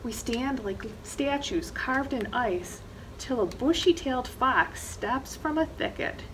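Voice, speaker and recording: Against a noisy background, a middle-aged librarian reads a picture book aloud at storytime. She sits in an indoor library reading corner, and her high, animated voice moves slowly, dramatizing the action words as she reads expressively.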